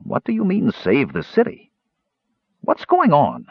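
A man voicing a big, gruff human warrior in a storybook reading, blunt and grumbling. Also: low-pitched, big pitch swings, moderate pace, dry recording, exaggerated voice. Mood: exasperated. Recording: dull lo-fi audiobook recording.

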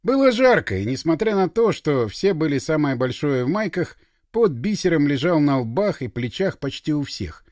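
A man reads a story aloud with a bright, fairly high voice that rises and falls freely. The sound is dry and close, with no room around it. His delivery is lively and well paced. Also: normal speed, no echo. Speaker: audiobook narrator. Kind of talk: scripted narration.

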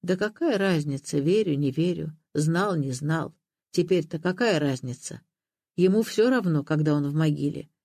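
A reader voicing a frail, bitter old woman who speaks in a flat, cold, tired way. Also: medium pitch, normal speed, no room sound, clean studio sound, close to an everyday voice. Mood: cold weary. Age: older.

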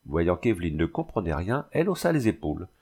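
Low-voiced male audiobook narrator. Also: very animated, a little mellow, breathy edge. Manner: measured literary reading. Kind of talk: scripted narration.

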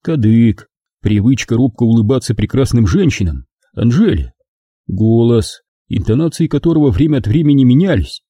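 A man reading a first-person audiobook with wry, expressive storytelling. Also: mid-range voice, moderate pace, slightly rough, dry recording, clean studio sound. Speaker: audiobook reader.

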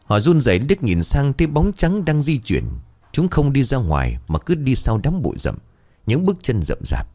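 A man narrating a ghost story in a dramatic, expressive way. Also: medium pitch, moderate pace.

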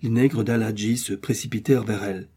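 A man reading a classic adventure novel aloud as scripted audiobook narration, in a steady, measured way. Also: on the low side, breathy edge. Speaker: audiobook reader.

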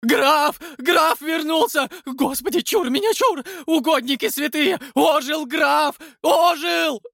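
A man voicing a scrawny, terrified old male night watchman with a thin, husky voice and a panicky shriek. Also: very high voice, animated, measured pace, dry recording, clean studio sound, pitched above the performer's own voice. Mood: panicked. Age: older.

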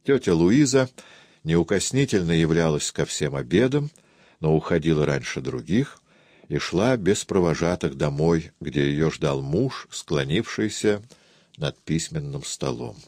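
Casting: male audiobook narrator, low voice, measured literary read, dry studio sound. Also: no echo. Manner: measured, even reading.

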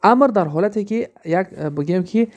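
A man with a Tajik accent teaching a grammar lesson from a textbook. He reads Arabic lines slowly, then explains them with rhetorical questions. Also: high-pitched, lively intonation, a little mellow, highs cut off.

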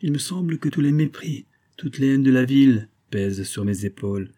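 A man's voice: medium pitch, lively intonation, moderate pace, mellow, pitched above the performer's own voice, lightly acted. A man reading an audiobook, voicing a bitter, obsessive middle-aged man who argues insistently that he is wronged. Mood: aggrieved. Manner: agitated, reasoning aloud, insistent.

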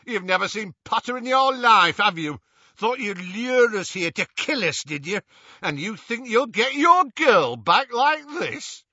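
A man voicing a brutal, sneering dark wizard in an audiobook, with a rough, menacing, mocking delivery. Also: on the high side, animated, normal speed, few pauses, dry recording, lo-fi sound, pitched above the performer's own voice, heavily acted. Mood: furious.

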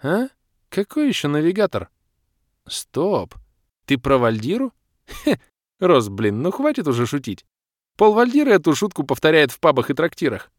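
A man voicing an excitable young woman in an audiobook, squealing and firing rapid questions. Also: medium pitch, dry recording, clean studio sound, voice pushed up. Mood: startled. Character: excitable young woman, shrieking, quick to pester. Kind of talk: audiobook character voice.

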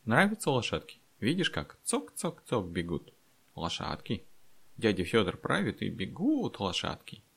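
A man voicing a young mother in an audiobook, cooing gently to her little daughter. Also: on the low side, wildly swooping pitch, a little slow, creaky, husky, exaggerated voice. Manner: soft cooing to a child.

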